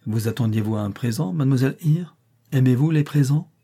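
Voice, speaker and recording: A man reading the part of a curt, impatient middle-aged gentleman in an audiobook. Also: mid-range voice, fairly quick. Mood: gruff, curt. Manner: curt and gruff.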